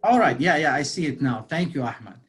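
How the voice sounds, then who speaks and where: A man's voice: fairly high pitch, lively intonation, fairly quick, a bit bright, breathy edge. A man, giving an interactive motivational sales talk over a video call and quizzing his audience, with lots of "you know". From Lebanon. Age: 40s. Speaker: real estate sales speaker.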